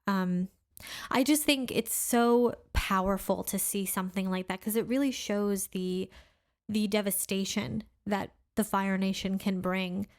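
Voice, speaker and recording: Woman, mid-pitched voice, chatty podcast co-host, laughs often. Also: steady tone, measured pace. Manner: chatty, laughs often, many "like"s and "you know"s. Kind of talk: casual chat.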